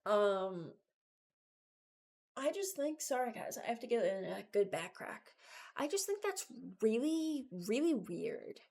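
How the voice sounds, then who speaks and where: In slow, sing-song delivery, this young adult video creator drifts through informal ranking commentary, candidly musing aloud. Her pitch sits fairly high, though her tone is on the dark side.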